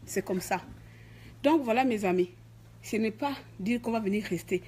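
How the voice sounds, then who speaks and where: A woman's voice: medium pitch, normal speed, a little mellow, husky. A woman from Gabon, telling a story in an emphatic, indignant rant to her viewers, peppered with "hein". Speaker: vlogger. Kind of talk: ranting monologue to camera.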